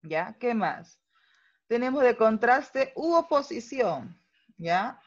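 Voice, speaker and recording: A woman teacher with a Peruvian accent giving an online class, explaining step by step and checking in often with quick tag questions. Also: a little high, very animated, dull audio. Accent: Peruvian Spanish.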